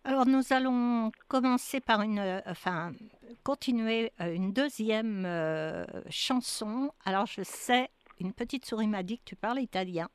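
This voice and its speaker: Slow, smooth-voiced woman radio host. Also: a little high, dry recording. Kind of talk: radio presenting.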